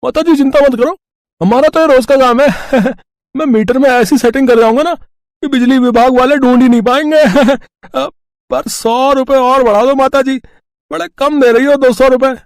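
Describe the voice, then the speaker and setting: A man's voice: very high voice, fairly even intonation, moderate pace, no room sound, clean studio sound. A man voicing a sly, greedy young electrician who chuckles and wheedles. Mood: wheedling.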